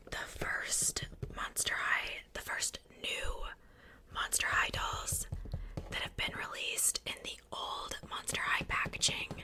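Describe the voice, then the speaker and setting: A woman hosts an ASMR unboxing video, whispering breathily without voicing. She softly repeats words and pauses between phrases.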